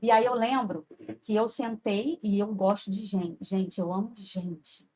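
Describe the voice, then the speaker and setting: A woman's voice: mid-range voice, fairly even intonation, measured pace. Earnest woman sharing testimony. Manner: earnest, warm storytelling with frequent "sabe?". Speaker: podcast guest. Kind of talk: heartfelt personal testimony.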